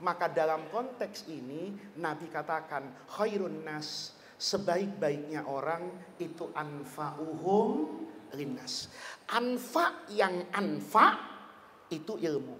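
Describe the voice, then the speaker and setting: Animated preacher man, reverberant hall. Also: fairly high pitch, takes it slowly, a little hiss or hum. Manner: animated, jokey, asks the audience questions. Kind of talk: lively religious lecture.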